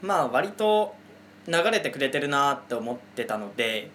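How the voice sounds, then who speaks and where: A man's voice: medium pitch, very animated, moderate pace, fairly bright tone, a little hiss or hum. A man in casual podcast chat, politely reflecting on his own race-calling. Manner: polite, reflective, self-critical. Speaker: aspiring race caller.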